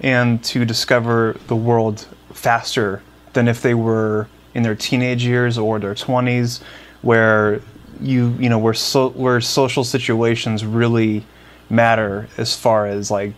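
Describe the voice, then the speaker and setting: A man's voice: medium pitch, level tone, takes it slowly. A young man co-hosting a casual podcast, rambling with frequent restarts and fillers. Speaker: podcast co-host. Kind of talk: casual chat.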